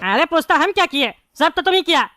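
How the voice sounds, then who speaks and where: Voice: extremely high pitch, sing-song, brisk, bright, forceful tone, soft background music, exaggerated voice. A voice actor playing a bald, hot-tempered male politician in a cartoon, given to angry, threatening rants. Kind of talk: cartoon voice acting.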